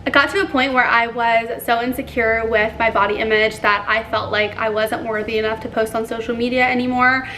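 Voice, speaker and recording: A woman's voice: on the high side, fairly even intonation, a little fast, hardly any pauses, bright, forceful tone, a little hiss or hum. A woman in her twenties talking earnestly in a casual confessional vlog, full of "like" fillers. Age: 20s. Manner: chatty, filler-heavy with frequent "like"; earnest, apologetic. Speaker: YouTuber.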